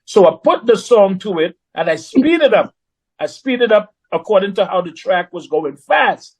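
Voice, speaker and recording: A man with a notably high speaking voice tells a story in a relaxed, conversational way. He is animated and slips into other people's voices when he quotes them. He sounds middle-aged. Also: normal speed, husky, rough recording. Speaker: recording artist guest. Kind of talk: casual storytelling.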